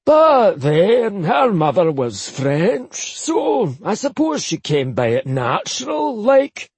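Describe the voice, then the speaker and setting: A man doing an excitable old Scottish uncle. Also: slow pace, husky, no echo, exaggerated voice. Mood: indignant. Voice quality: high, sing-song and excitable. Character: older Scottish uncle, gossipy and indignant.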